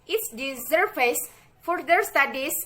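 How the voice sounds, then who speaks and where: Young woman reading a class talk, kinda high pitched, stops and restarts words a lot. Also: animated, sharp tone, rough recording. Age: young adult. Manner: reads carefully from notes with halting restarts. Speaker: student presenter.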